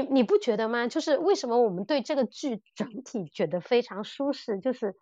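In a casual podcast chat about audio dramas, this co-host speaks in a slightly high voice, looping back and repeating phrases while she figures out what she means. The audio is dull, with no room sound.

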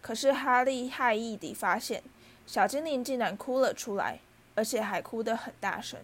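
A woman reading a storybook aloud as narrator, in a steady, even manner. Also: on the high side, normal speed. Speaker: audiobook reader.

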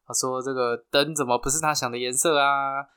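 A man with a Taiwanese Mandarin accent hosting a podcast, telling stories in a chatty, halting way full of restarts. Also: medium pitch, fairly even intonation, pushed and bright, smooth. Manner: chatty, halting with frequent restarts and fillers, laughs at his own stories. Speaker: podcast host. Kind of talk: casual storytelling.

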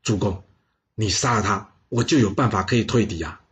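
A man voicing a cold, scheming court minister who speaks in a low, hushed, conspiratorial voice. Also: brisk, natural voice.

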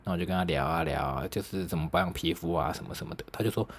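Low-voiced Taiwanese young man telling stories. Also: very fast, a little hiss or hum. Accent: Taiwanese Mandarin. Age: young adult. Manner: chatty, self-mocking, laughs, mild swearing. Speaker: podcast host. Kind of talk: casual solo storytelling.

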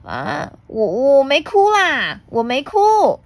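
A woman voicing a big, timid, gentle male dinosaur in a storybook reading, stammering and shaky but earnest. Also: high voice, wildly swooping pitch, takes it slowly, no room sound, pitched above the performer's own voice, full character voice. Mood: flustered.

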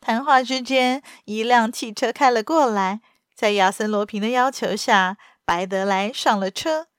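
A woman with a fairly high voice reads a novel aloud in steady, even narration. The recording is close and dry, with no room echo behind her. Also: normal speed, clean tone. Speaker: storyteller.

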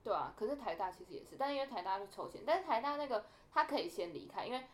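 A woman's voice: a little high, animated, racing, a little hiss or hum. A young woman telling a story in a casual podcast chat, animatedly acting out the quoted dialogue. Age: young adult. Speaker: podcast co-host.

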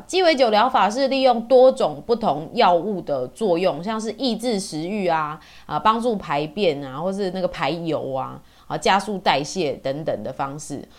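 A woman in her forties from Taiwan with a Taiwanese Mandarin accent, telling personal stories as a podcast host in a chatty, colloquial way. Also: lowish voice. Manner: chatty, colloquial, with sentence-final particles. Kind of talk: casual personal storytelling.

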